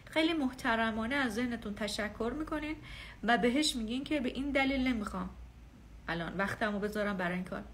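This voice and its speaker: A woman's voice: a little high, a little hiss or hum. A woman giving a live spiritual lesson on self-knowledge, speaking earnestly and conversationally, acting out inner voices and everyday exchanges.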